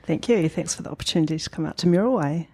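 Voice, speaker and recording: A middle-aged New Zealand woman, a guest artist, answers interview questions thoughtfully and hesitantly, with many ums. Her low voice is very fast, a little mellow, and slightly rough, with a New Zealand accent.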